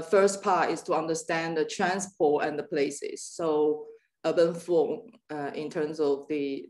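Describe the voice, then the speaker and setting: A woman from Taiwan giving a guest lecture on urban planning over a video call, pausing often with fillers and restarting her sentences. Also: deep voice, a little mellow. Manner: hesitant, many fillers and restarts.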